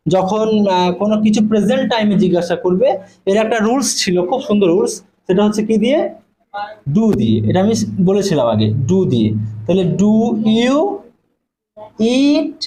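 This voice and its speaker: A man's voice: high voice, lively intonation, fairly quick, dark tone, low-quality recording. Male teacher in a classroom, patient step-by-step explainer, light background noise. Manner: explains step by step, spells words letter by letter, checks in with "okay?". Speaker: English teacher. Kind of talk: classroom lesson in spoken English.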